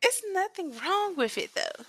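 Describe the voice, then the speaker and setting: A woman's voice: very high voice, sing-song, a little slow, a crowd in the background. A woman around thirty, a podcast guest in casual chat who laughs often and pokes fun at herself. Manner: laughs often, chatty and self-mocking.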